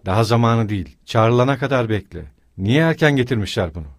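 A man voicing a brusque shouting magistrate. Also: medium pitch, lively intonation, fast talker, no echo, clean studio sound. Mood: angry shouting. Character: agitated sharp middle-aged male investigating magistrate.

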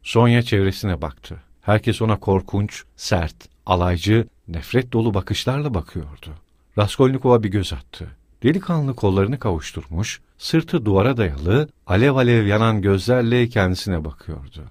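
Expressive male audiobook narrator, dry sound. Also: lowish voice, normal speed, no echo. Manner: dramatic, expressive reading. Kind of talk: scripted literary narration.

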